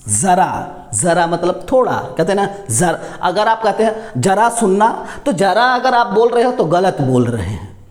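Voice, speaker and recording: A man teaching Hindi grammar, explaining each word slowly and answering his own questions as he goes. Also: high-pitched, reverberant. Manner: repeats words, asks and answers own questions. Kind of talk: classroom explanation.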